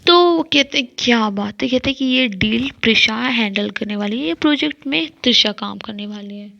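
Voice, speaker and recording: A woman's voice: fairly high pitch, lively intonation, normal speed, gravelly, sharp tone, a little hiss or hum. A woman narrating a story in a casual, chatty way, breaking off for teasing asides to her audience, on a dull lo-fi recording.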